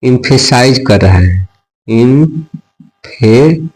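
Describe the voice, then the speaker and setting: A man's voice: medium pitch, measured pace, a little mellow, low-quality recording. A male teacher giving a grammar lesson, who keeps asking and answering his own questions and slips between example sentences and explanation.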